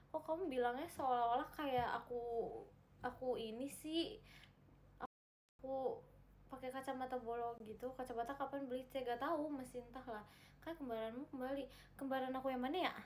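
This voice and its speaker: Giggly high-voiced young woman streaming. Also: steady tone, moderate pace, long pauses, darkish tone, slight background noise. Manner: giggly, chatty, repeats herself, talks to viewers as guys. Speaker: livestream host reading chat. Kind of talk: casual livestream chat.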